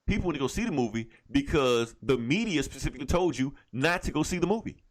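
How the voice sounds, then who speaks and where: Speaking fast with lively intonation at a medium pitch, this male podcast co-host chats casually and forcefully about pop culture. He offers opinions and drives them home by repeating phrases.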